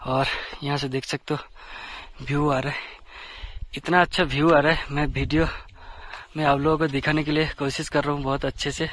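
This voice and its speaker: A man vlogging outdoors while climbing a steep snowy trail, out of breath and talking slowly between breaths to his viewers. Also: fairly high pitch, little pitch movement, a bit bright. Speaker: travel vlogger. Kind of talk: casual vlog narration while trekking. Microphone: handheld camera while walking.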